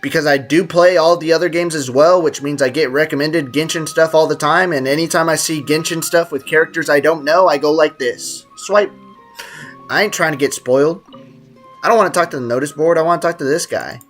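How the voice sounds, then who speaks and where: A man in a live game stream trades jokes and teasing with his chat, reading and answering messages in slangy, relaxed commentary. His voice is a little high with a fairly bright tone, a touch fast, and soft music plays behind him.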